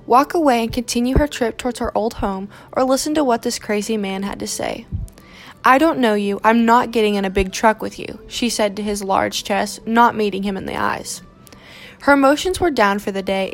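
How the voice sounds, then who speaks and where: Gravelly woman reading a novel aloud. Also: fairly high pitch. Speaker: narrator. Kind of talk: scripted audiobook narration.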